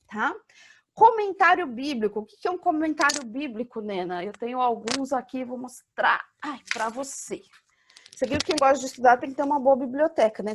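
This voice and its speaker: A woman's voice: a little high, slight background noise. A woman with a Brazilian Portuguese accent teaching an online Bible course, explaining step by step and asking and answering her own questions. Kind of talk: online class lecture.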